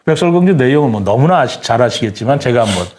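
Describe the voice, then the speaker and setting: Quick and expressive, a man's mid-range, slightly mellow voice carries this reflective talk-show conversation. As the guest writer, he explains things earnestly and tells stories in courteous, formal language.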